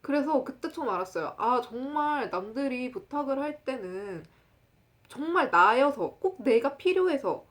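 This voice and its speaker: A woman in her twenties casually telling a personal story to the camera, laughing often and acting out quotes in a loud high voice. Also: expressive, moderate pace. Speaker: vlogger.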